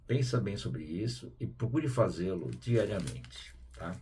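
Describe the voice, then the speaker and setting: Hosting a spiritual program, this Brazilian Portuguese-accented man talks casually, often adding tag questions and murmured asides. He speaks in a low voice at a slightly slow pace, with a faint hiss or hum on the recording.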